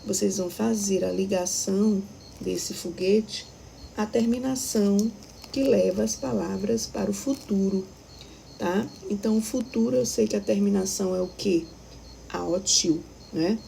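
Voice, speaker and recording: A woman's voice: medium pitch, vocal fry, warm tone, slight background noise, low-quality recording. A Brazilian woman teaching a recorded primary school lesson, patiently explaining step by step and checking that the children follow. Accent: Brazilian Portuguese.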